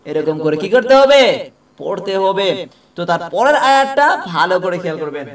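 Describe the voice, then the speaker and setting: A man teaching Quran reading, spelling out words letter by letter, asking questions and answering them himself, and slowly chanting the verses. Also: high voice, big pitch swings, echoey room, distant mic. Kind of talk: spelling out a recitation lesson.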